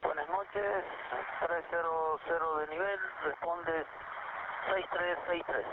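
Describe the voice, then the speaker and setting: A man speaks as an airline pilot over the cockpit radio, his voice a little high. Each call is clipped and formal, in set radio phrasing. The transmission is thin and tinny, with clear static hissing underneath. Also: steady tone, takes it slowly. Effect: crackly cockpit radio transmission.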